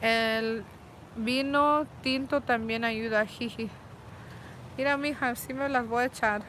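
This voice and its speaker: Bright-voiced woman chatting outdoors. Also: fairly high pitch, fairly even intonation, takes it slowly, slight background noise. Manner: switches between Spanish and English mid-sentence; chatty, restarts words often with filler ums. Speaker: vlogger answering viewer questions. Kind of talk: casual chat. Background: faint street and vehicle sounds.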